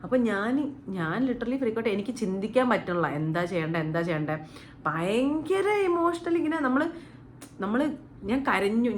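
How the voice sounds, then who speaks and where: A young woman telling a story to her viewers in a casual, animated vlog, dropping English words into her talk. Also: mid-range voice, a little hiss or hum. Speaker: YouTuber.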